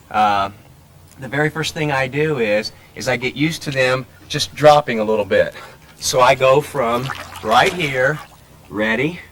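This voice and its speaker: At an indoor swimming pool, a middle-aged man with a mid-range voice coaches a child learning to swim, counting strokes aloud in bursts and calling out encouragement. He raises his voice when the child's ears are under the water. The recording quality is low.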